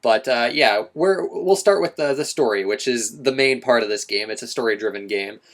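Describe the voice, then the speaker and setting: A young man talks through a game review in a casual, unscripted way. His pitch sits in the ordinary middle range for a man, and he often stumbles and restarts his sentences with plenty of fillers. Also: moderate pace, a bit bright. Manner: rambling, many restarts and fillers.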